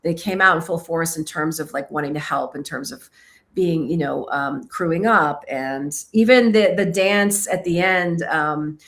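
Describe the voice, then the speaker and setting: A woman's voice: low voice, unhurried. A woman filmmaker and author who grew up in Kentucky, answering interview questions in a thoughtful, self-deprecating way, often searching for words. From Kentucky, United States.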